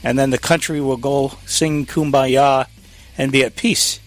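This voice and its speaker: A man's voice: mid-range voice, fairly even intonation, a little slow, faint music behind. A man hosting a live radio talk show, speaking casually with fillers, restarts and little chuckles. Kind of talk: casual political commentary.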